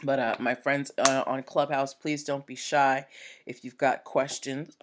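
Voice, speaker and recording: A woman's voice: rumbling low, little pitch movement, measured pace, background noise. A woman hosting a live-streamed show about business and legal topics, chatty and upbeat, talking straight to viewers, with the hiccups. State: has the hiccups. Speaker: host.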